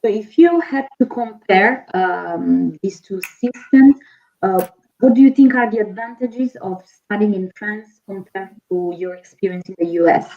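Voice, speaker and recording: A woman's voice: mid-range voice, measured pace. Woman interviewer, dull lo-fi sound. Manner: polite, hesitant questioning. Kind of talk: interview questions.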